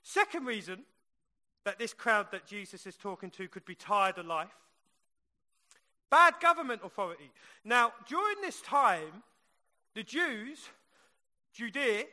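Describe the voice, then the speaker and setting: A man's voice: very high voice, big pitch swings, measured pace, long pauses, sharp tone. A man preaching a sermon in an emphatic, conversational way, repeating phrases, with R's that come out like W's. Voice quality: cannot say R's, which sound like W. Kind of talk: sermon with plain, chatty asides.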